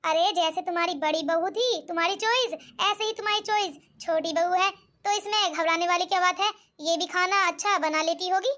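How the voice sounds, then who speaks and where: A woman's voice: extremely high pitch, normal speed, hardly any pauses, sharp tone. A woman voicing a kindly, helpful elder sister-in-law in a cartoon, talking in a reassuring and teasing way. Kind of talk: cartoon voice acting.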